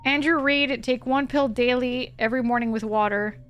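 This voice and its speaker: A woman horror game streamer giving chatty, expressive, informal live commentary. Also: on the high side, moderate pace, highs cut off, faint music behind.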